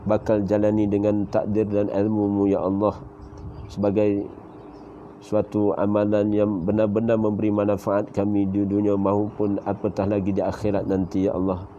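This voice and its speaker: A Malaysian man with a Malaysian Malay accent leading the closing supplication of a sermon, reciting prayers in a steady chanting flow. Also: fairly low pitch. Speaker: religious teacher leading prayer. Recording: muffled lo-fi audio with faint hiss.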